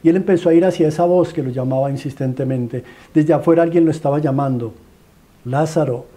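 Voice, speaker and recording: A man's voice: a little high, fast talker, dark tone. A man with a Colombian accent preaching a sermon as a dramatic story, stacking rhetorical questions and repeated phrases in a pleading way.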